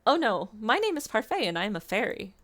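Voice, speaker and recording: A woman plays a courteous fairy from a storybook game. She sounds gentle and reassuring, pitched up high with a lilting, lively melody. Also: fast talker. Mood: kindly.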